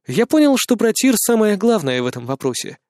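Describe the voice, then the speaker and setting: A man narrating an audiobook in a steady, even storytelling manner. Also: high-pitched, fairly quick, dry recording, clean studio sound. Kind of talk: scripted narration.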